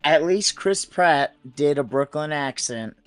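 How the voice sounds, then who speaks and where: A man co-hosting a podcast in casual chat, speaking haltingly with restarts and laughs. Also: on the high side, animated. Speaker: podcast co-host.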